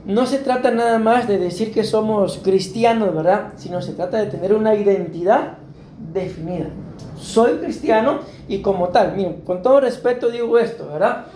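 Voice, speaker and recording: Here a male pastor with a high, warm voice preaches at a moderate pace. His sermon feels like a conversation, punctuated by frequent "¿verdad?" checks with the listeners. It is captured in an echoey church hall with a little background noise.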